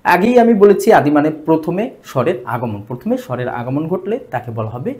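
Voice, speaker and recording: A man with a Bangladeshi Bengali accent teaching a grammar lesson for exam preparation, repeating each term slowly for emphasis. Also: on the high side, big pitch swings, darkish tone.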